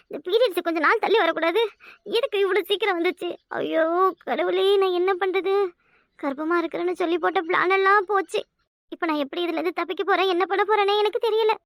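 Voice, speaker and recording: A sly young wife in a village cartoon, plotting aloud and whining in a very high, thin voice. She talks in pleading, self-pitying runs. The sound is dry and close. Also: fairly bright tone, no echo. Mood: scheming. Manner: whiny, sobbing, self-pitying. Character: scheming young wife, fakes pregnancy. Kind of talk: Tamil village cartoon voice acting.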